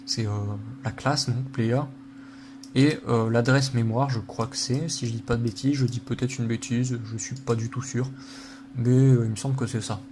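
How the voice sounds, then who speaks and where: A man's voice: medium pitch, steady tone, normal speed, background noise. A man giving a casual coding lesson while working at his computer, thinking aloud with lots of fillers and joking at his own slips. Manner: thinks aloud with many fillers, self-deprecating. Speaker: programming tutor.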